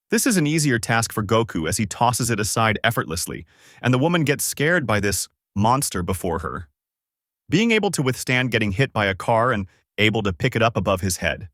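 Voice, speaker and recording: Male narrator reading a fan story, lots of pitch swing, dry close mic. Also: no echo. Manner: steady storytelling read with lively pitch movement.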